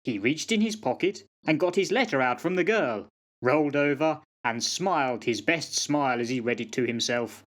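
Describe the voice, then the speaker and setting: In an amateur radio play, a man plays a fatalistic old sergeant-major who spins yarns in a folksy, dramatic style. His mid-range voice is close to an everyday one, with lively intonation and a moderate pace.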